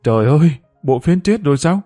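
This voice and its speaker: A man's voice: fairly high pitch, expressive, a little fast, warm tone, soft background music, voice pushed up. A man voicing a grieving husband in anguish. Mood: alarmed. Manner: anguished, pleading. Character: grieving middle-aged husband.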